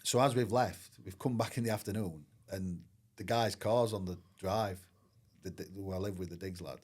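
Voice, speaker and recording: A man's voice: low voice, moderate pace, a little mellow. A middle-aged former footballer, telling his story in a candid, rambling way. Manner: candid, rambling, frequent "I says" and "like". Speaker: guest, former professional footballer. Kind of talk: casual storytelling interview.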